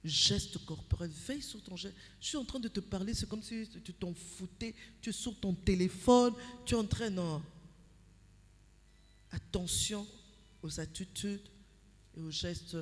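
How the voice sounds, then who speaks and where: A woman with a Congolese accent preaching at a couples' retreat, animated and acting out conversations with her husband, slipping into Lingala phrases. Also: mid-range voice, unhurried. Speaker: pastor speaking at a couples' retreat. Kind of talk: sermon. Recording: long hall reverb.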